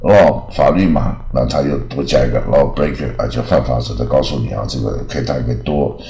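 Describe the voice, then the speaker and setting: A man's voice: a bass voice, fairly quick, warm tone, roomy sound, poor audio. A man from Taiwan giving a casual, rambling English lesson, full of filler particles and restarts. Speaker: English teacher.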